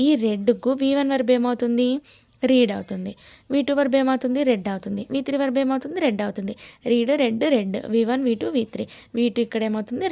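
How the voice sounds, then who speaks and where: A woman teaches English grammar, in a slightly gravelly voice at a middle pitch. She explains patiently and repeats each point, asking her learners again and again whether they have understood. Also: darkish tone. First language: Telugu. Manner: patient, repetitive, often asks "understood, learners?".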